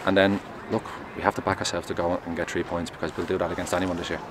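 A young man, a goalkeeper, answering post-match questions in a measured, earnest way, outdoors at a stadium at night on a close mic. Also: deep voice, flat delivery. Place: outdoors at a stadium, in front of a sponsor board at night. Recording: outdoor traffic noise.

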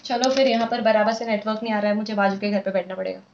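A woman's voice: medium pitch, steady tone, fast, muffled recording, noisy background. A young woman chatting casually to camera at home as a vlogger, setting up her gear as she talks. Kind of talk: casual vlog chat. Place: at home indoors.

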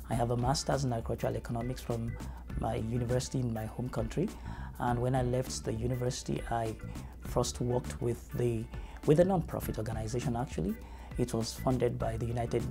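A middle-aged man with a Nigerian accent speaks in a measured, thoughtful way, his mid-range voice heavy with gravelly fry. He answers questions in a studio interview. Clear background music plays under him. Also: mid-range voice. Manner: measured, earnest, thoughtful with fillers. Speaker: family educator. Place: studio with dark backdrop.

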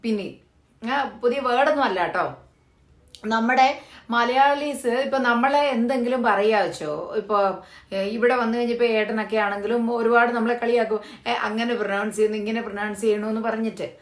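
A woman's voice: fairly high pitch, normal speed, echoey room. A woman from Kerala vlogging casually, explaining things step by step with lots of fillers. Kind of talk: casual storytelling vlog. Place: living in Hyderabad.

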